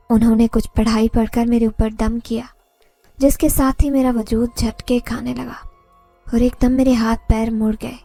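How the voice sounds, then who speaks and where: A woman's voice: fairly high pitch, mellow, dry recording. Woman horror storyteller, earnest, over faint background music. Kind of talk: first-person horror story narration.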